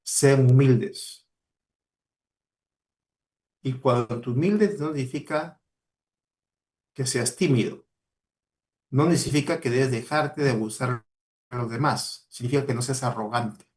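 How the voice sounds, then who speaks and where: Speaking at a measured pace with frequent pauses, this Peruvian man has a medium-pitched, somewhat dark voice. He's a mining professional visiting as a guest speaker to motivate students, and his Peruvian Spanish-accented delivery is earnest and exhorting, with key words repeated for emphasis.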